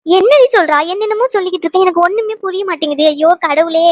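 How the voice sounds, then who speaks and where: A woman doing a high-pitched fretful mother, wailing, bewildered, dry close sound, cartoon dub. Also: fast, dry recording. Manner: wailing, exclamatory.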